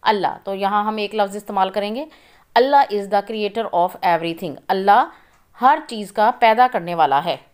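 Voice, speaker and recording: A woman teacher with a Pakistani accent going through textbook exercises, reading English words slowly and repeating them, then explaining quickly in Urdu. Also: mid-range voice, smooth.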